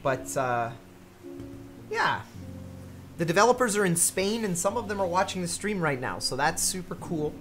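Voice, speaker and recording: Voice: mid-range voice, sing-song, moderate pace, pauses often, fairly bright tone, soft background music. A game streamer giving casual let's-play commentary, chatty with frequent laughs and fillers.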